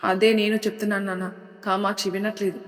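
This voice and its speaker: Woman doing nervous middle-aged mom, hesitant and soft, echoey hall. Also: medium pitch, level tone, quick pace, close to an everyday voice. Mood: worried. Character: anxious middle-aged mother and daughter.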